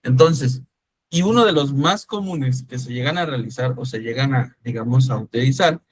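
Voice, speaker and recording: In a conversational online-style lecture, a male instructor calls on students by name and keeps checking whether they follow with a frequent "¿sí me explico?". He has a mid-range voice at normal speed, and the audio is poor.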